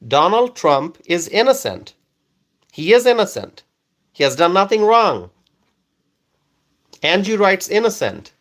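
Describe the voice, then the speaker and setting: Reading viewers' comments in turn on his live stream, this Bangladeshi man, whose native language is Bengali, talks slowly and repeats himself to urge his audience to reply. His slightly high voice has a sing-song lilt and a fairly bright tone.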